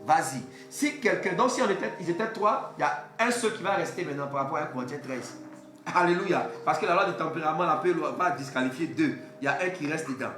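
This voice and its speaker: A male pastor preaching a sermon with lively rhetorical questions and repeated words, in an echoey church hall. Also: fairly high pitch, a little fast. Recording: echoey hall, faint music.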